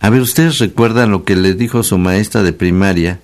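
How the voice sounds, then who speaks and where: Mexican guy on the radio giving a spelling lesson, kinda low voice, chatty, repeats stuff slow like a teacher. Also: darkish tone. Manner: chatty, teacherly, repeats key words slowly. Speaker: radio host. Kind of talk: casual radio talk on spelling. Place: radio studio.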